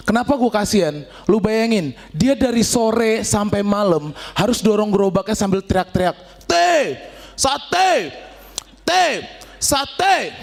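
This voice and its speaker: A man's voice: high voice, a little mellow. A man from Padang in Indonesia doing an exasperated, escalating stand-up comedy rant on stage. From Padang, West Sumatra, Indonesia. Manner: exasperated, exclaiming, acting out examples. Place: theatre stage before an audience.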